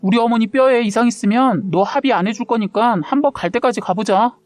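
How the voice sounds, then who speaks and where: A woman's voice: on the high side, a little fast, darkish tone, no echo, close to an everyday voice. A woman voicing the narrator's fiery, outspoken friend in a read-aloud story, talking bluntly and combatively. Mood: angry.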